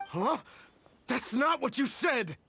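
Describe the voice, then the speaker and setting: A man's voice: extremely high pitch, very animated, takes it slowly, bright, forceful tone, slight background noise, full character voice. An actor playing a timid, polite father in a video game, speaking in an earnest, courteous way. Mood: frightened pleading. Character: timid, anxious, polite father, adult man. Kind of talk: English video game voice acting.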